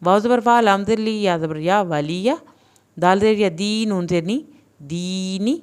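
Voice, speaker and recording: Her voice is mid-range, clear, and resonant as she teaches Quran reading in a recorded lesson. She sounds out syllables slowly and blends them, breaking in with quicker, plain explanations of the rules.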